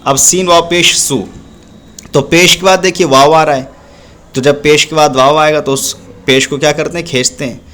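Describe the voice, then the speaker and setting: Man, Quran recitation teacher, slightly high-pitched, slow repeated syllables, patient step-by-step lesson. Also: steady tone, fairly bright tone. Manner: drawn-out syllables repeated for the learner.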